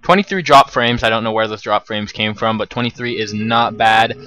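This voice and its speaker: A man's voice: on the low side, moderate pace, bright, forceful tone, low-quality recording. A man giving casual let's play commentary, rambling and chatty, self-deprecating. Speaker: gameplay commentator.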